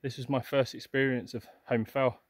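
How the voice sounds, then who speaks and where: Though he's hiking an open hillside with a handheld camera at arm's length, this young vlogger's audio sounds clean and studio-like with no echo. He chats casually and cheerfully with many fillers, in a mid-range voice at normal speed with little pitch variation.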